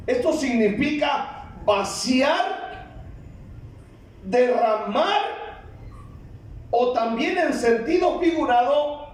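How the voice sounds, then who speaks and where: A man with a Guatemalan Spanish accent preaches in a very high voice, drawing his phrases out slowly and building to shouts. His voice rings through a large, echoing church hall. He stands a little away from the microphone, with faint room ambience behind him. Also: far from the mic. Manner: emphatic preaching, rising to shouts, slow deliberate phrasing. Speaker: pastor. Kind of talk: sermon.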